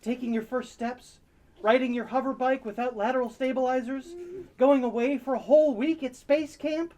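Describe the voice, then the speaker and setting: A woman acts an earnest single dad in a comedy space play. The voice is on the high side. The delivery is doting and sentimental, like a parent giving a heartfelt pep talk. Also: fairly even intonation, normal speed, a little mellow, natural voice. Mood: earnest urging. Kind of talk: improvised comedy audio drama.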